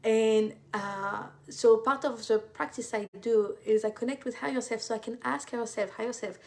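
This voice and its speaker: A woman's voice: on the high side, fairly even intonation, moderate pace, creaky, a little mellow. A woman from France with a French accent, an intuitive life coach talking casually to viewers, full of fillers and repeated words.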